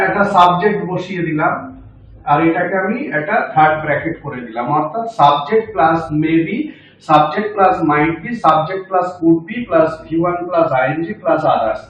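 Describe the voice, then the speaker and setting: A man giving a grammar lesson as a teacher, explaining slowly step by step with filler sounds. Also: sits high, fairly bright tone. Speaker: English teacher. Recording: very echoey, dull lo-fi room.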